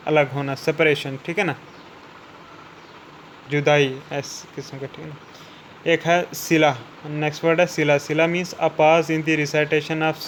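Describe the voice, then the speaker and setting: A man teaching English vocabulary, explaining each word in Hindi. He keeps checking with "theek hai na" and slows down to read out the English definitions. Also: a little high, fairly bright tone, a little hiss or hum, poor audio. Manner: repeats "ठीक है ना" after each point, slows down for English definitions.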